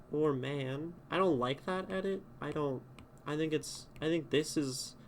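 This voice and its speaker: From his home streaming setup, a man with a slightly high voice critiques a poem on a live stream, casually thinking aloud as he rereads lines and tries out edits. There's a faint hiss or hum in the audio.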